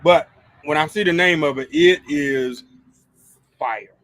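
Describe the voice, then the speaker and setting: A man co-hosting a casual live show, chatting in a relaxed, joking, rambling way. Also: on the high side, slow, no echo. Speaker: podcast co-host. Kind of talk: casual chat.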